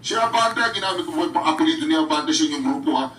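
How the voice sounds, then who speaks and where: A man's voice: a little high, rapid-fire, bright, forceful tone, echoey room, recorded from a distance, slight background noise, low-quality recording. A man doing mocking reaction commentary, taunting, often bursting into laughter and addressing his viewers directly. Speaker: reaction vlogger.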